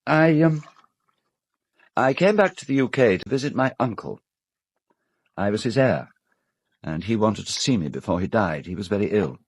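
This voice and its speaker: In an audio drama, an actor with a British accent plays an urbane, cold, self-justifying gentleman, speaking in a measured, articulate, dryly ironic manner that comes across as hesitant and polite. His voice is lowish and husky with lively intonation, recorded dry.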